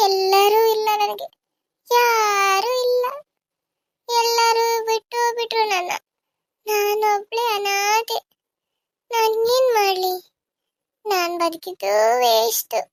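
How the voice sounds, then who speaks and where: A woman's voice: extremely high pitch, no room sound. A woman voicing a grieving, orphaned grown daughter in a Kannada cartoon serial, crying and pleading in despair.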